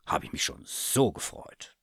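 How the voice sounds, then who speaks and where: A man voicing a gentle, easygoing middle-aged father in a storybook reading, lower and relaxed. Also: measured pace, no echo, studio quality, lightly acted.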